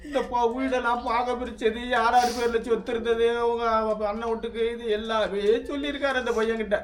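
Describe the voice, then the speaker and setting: A high-voiced man rushes through a family story told to viewers, stopping to restart now and then. His voice sits a little far from the mic. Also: little pitch movement. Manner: plain storytelling with frequent restarts. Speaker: family food channel vlogger. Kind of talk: recounting a family death to viewers.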